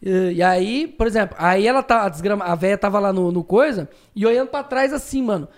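A man with a high voice talks at a rapid clip, spinning profane, slang-filled stories in a casual podcast conversation. He is a streamer guest, and his animated telling breaks into sudden shouted outbursts.

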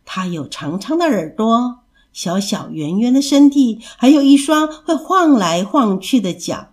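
Woman doing a gentle rabbit mother. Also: on the high side, sing-song, a little slow.

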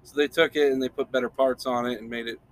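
A man's voice: mid-range voice, steady tone, fast talker, a little hiss or hum. A man hosting a podcast in casual chat, laid-back and rambling, chuckling often. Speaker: podcast host.

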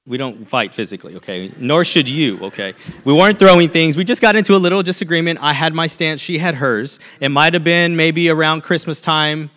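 A man's voice: fairly high pitch, brisk, a bit bright. A man in his thirties preaching a sermon as a pastor, telling a personal story in a conversational way and checking in with "okay?" often.

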